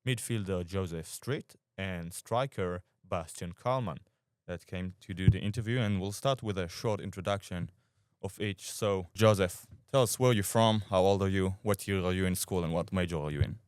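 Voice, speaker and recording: A man's voice: deep voice, moderate pace, clean tone, no room sound, studio quality. A young man in his twenties hosting a college sports podcast, reading a scripted intro and then asking questions conversationally. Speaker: podcast host.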